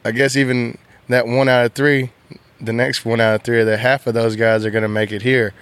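Young guy from texas, bull rider, soft-spoken and emotional, smooth voice in a dry room. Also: medium pitch, level tone, a little fast, no echo. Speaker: professional bull rider, guest. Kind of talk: candid interview chat.

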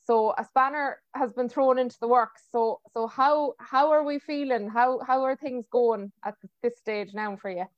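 A woman's voice: on the high side, moderate pace, few pauses, no echo. A woman with a Mayo accent from the west of Ireland, hosting a casual, chatty podcast interview over a video call. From County Mayo, Ireland. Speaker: podcast host. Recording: dry, slightly muffled video-call audio.

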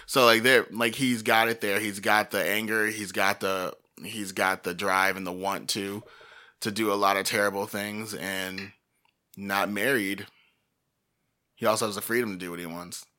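A man's voice: lowish voice, steady tone, normal speed, sharp tone. A man co-hosting a casual true-crime chat, rambling with lots of fillers. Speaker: podcast co-host.

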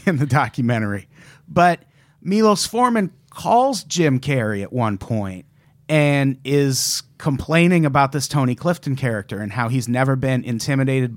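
A man's voice: medium pitch, no room sound. Dry-voiced man telling a story. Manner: swearing, animated storytelling with quoted voices. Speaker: podcast co-host. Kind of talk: casual chat.

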